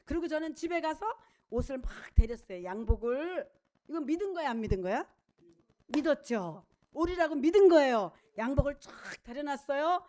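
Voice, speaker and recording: A middle-aged woman pastor with a high voice preaches at a church service. She talks to the congregation emphatically and conversationally, and she weaves personal stories into the sermon. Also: expressive, normal speed, darkish tone.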